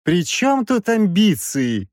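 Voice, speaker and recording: A man voicing a whiny, fussy old male professor with a shrill, squealing voice in an audiobook. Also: very animated, moderate pace, dry recording, studio quality. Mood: excited, shrill. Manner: pleading, fussy, indignant. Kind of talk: audiobook character voice.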